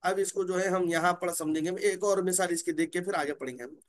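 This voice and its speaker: In a high, steady voice, a man gives a slow explanatory lesson on the rules of Quran recitation. He keeps repeating key terms, asks and answers his own questions, and stretches out letter names slowly.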